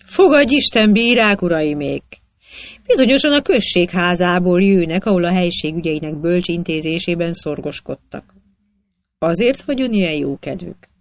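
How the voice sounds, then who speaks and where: A narrator voicing a witty old village priest with quick, sly retorts in a storybook reading. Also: medium pitch, lively intonation, no room sound, natural voice. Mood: genial.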